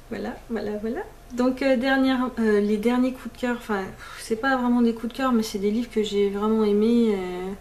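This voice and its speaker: A woman vlogging at home in a relaxed, rambling way, full of fillers and restarts and the odd English word. Her voice sits at an ordinary middle pitch. A faint hiss hangs under the recording. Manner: chatty, many fillers and restarts, mixes in English words. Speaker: beauty vlogger. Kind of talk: casual chat to camera.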